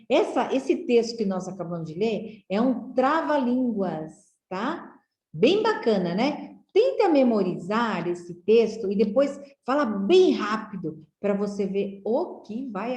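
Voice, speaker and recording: Slow, lively woman teacher. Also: mid-range voice, roomy sound. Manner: sounds out letters slowly, ends phrases with "né?" and "certo?". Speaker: literacy teacher. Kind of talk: slow, syllable-by-syllable reading lesson for children.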